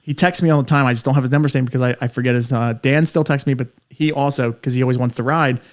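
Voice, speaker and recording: A man's voice: medium pitch, steady tone, fast talker. A man telling rambling, profane stories in casual podcast chat, laughing as he goes. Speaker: podcast co-host.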